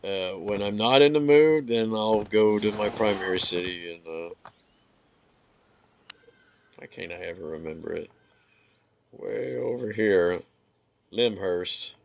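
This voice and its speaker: A man giving relaxed, rambling commentary over his gameplay, with filler words and some hiccups. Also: on the low side, slow pace, vocal fry, pauses often, a little hiss or hum. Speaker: gaming video creator.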